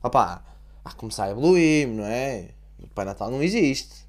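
A man's voice: mid-range voice, animated, fairly quick. A man in his twenties with a European Portuguese accent, hosting a casual solo podcast, rambling and joking with lots of swearing. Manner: rambling, profane, jokey. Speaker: podcast host.

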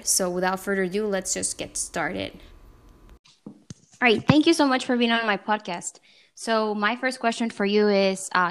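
A woman hosting a podcast, upbeat and friendly as she introduces her guest and asks questions. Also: medium pitch. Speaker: podcast host. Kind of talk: casual podcast interviewing.

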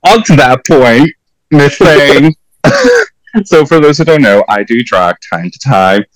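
A man from Portugal with a Portuguese accent, guesting on a podcast and chatting casually, animated and quick to jump into high exclamations. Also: dry recording, low-quality recording. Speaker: podcast guest, drag performer. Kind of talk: casual chat.

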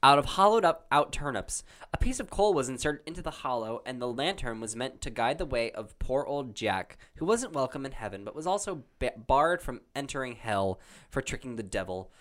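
A man casually reading Halloween trivia questions aloud to a friend, halting and restarting, laughing often. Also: medium pitch, expressive, fairly bright tone. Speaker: quiz reader.

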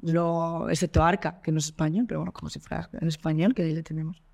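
Fast-talking, blunt Spanish woman. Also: deep voice, creaky. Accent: Spain. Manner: animated, blunt storytelling with swearing. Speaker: guest singer and activist. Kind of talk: casual podcast interview.

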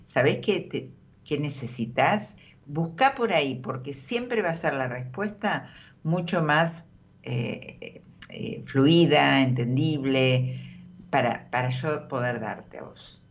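A fortune teller with an Argentine accent talks through a tarot reading in conversation. The pitch sits in the middle, and the radio audio is dull and lo-fi. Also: animated, slow pace. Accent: Argentine Spanish. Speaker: radio tarot reader and host.

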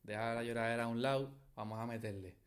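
A man from Venezuela, a tattoo artist, chatting as a guest on a podcast in a halting, easygoing way with many restarts. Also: mid-range voice, steady tone. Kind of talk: casual podcast chat.

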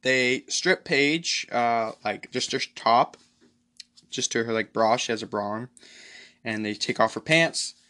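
Guy doing a solo podcast, bright sharp voice, rambles and swears a lot, keeps clearing his throat. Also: mid-range voice, measured pace. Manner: rambling, profane, many fillers. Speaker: podcast host. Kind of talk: solo podcast movie recap.

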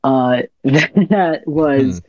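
A young man, a university student, chatting as an interview guest, soft-spoken and quick to laugh as he acts out little scenes. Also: medium pitch, no room sound, highs cut off. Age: young adult. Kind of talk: casual interview chat.

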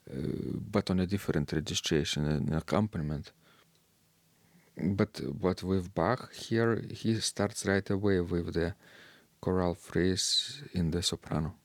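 A man co-hosting a talk about organ music, speaking slowly and hesitantly with many fillers. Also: deep voice, no echo. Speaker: podcast co-host discussing organ music. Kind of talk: casual discussion.

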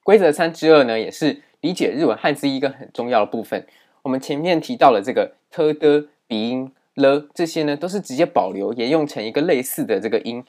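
A man teaching a language lesson in a steady explaining manner, with many fillers. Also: medium pitch, a little fast.

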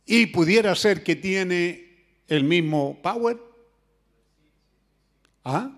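A man's voice: high-pitched, expressive, drawn-out words. A man preaching a sermon, earnest and full of rhetorical questions to his listeners.

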